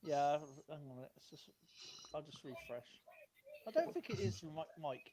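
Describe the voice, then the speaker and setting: A man's voice: on the high side, lively intonation, normal speed. A man chatting casually on a live stream, his voice faint and muffled as if heard through a wall, his laptop mic covered. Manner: quiet and hard to hear. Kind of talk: casual chat. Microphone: covered laptop microphone. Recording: loud noise, muffled faraway mic.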